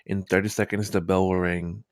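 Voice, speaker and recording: A man hosting a live trading stream, talking in an excitable, chatty way. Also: low-pitched, brisk, clean tone, dry recording, clean studio sound. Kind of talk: casual chat on a live stream.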